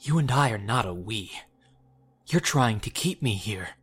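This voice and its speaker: An actor playing a troubled, stubborn young male mage who talks in a halting, defensive way. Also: on the low side, animated, fairly bright tone, slightly rough, full character voice. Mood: accusing. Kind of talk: audio drama acting.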